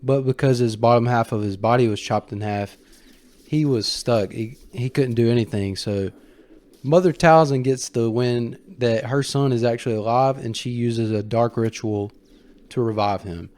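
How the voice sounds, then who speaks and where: A man's voice: medium pitch, normal speed, darkish tone. A man giving casual, colloquial fan commentary as he tells a story, leaning hard on his key points.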